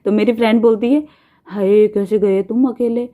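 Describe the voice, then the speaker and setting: Woman vlogger from India, 30s, mellow tone, rambling and chatty, laughs a lot. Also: medium pitch, fairly even intonation, normal speed. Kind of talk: casual storytelling.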